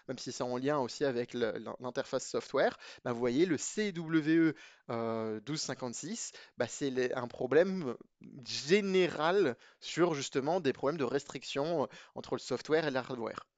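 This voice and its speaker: A man's voice: mid-range voice, a little slow, no room sound. A young man giving a casual, conversational tech explanation, full of fillers and restarts. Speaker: cybersecurity explainer.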